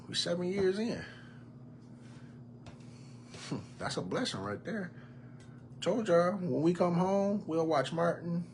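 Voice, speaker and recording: A man's voice: medium pitch, slight background noise. A man in his thirties hosting a live podcast, talking casually and reading viewers' comments aloud. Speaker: podcast host. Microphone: computer or phone mic on a live stream.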